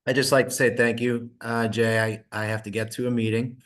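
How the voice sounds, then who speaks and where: A man speaking over a video conference call, briefly interrupting and giving halting, polite thanks as moderator. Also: mid-range voice, flat delivery, fairly bright tone. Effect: heard over a video conference call. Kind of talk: casual remarks on a call.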